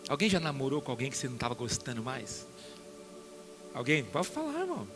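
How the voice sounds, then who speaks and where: A Brazilian pastor with a Brazilian Portuguese accent preaching a sermon to a congregation, questioning listeners by name and building to loud emphatic peaks. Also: male voice, medium pitch, wildly swooping pitch, a little fast, over music. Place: church hall.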